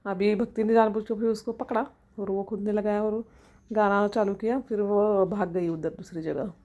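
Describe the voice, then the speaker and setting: A woman's voice: mid-range voice, fairly even intonation, normal speed, mellow. A woman in her thirties, a mother, narrating her family vlog in a homely, rambling way with fillers and restarts. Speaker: vlogger and mother. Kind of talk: casual narration over home video.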